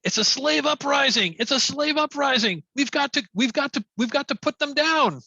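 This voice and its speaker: A man's voice: very high-pitched, expressive, normal speed, vocal fry, pushed and bright, dry recording, lo-fi sound, pitched above the performer's own voice, exaggerated voice. A man voicing an alarmed male orc guard who urgently raises the call.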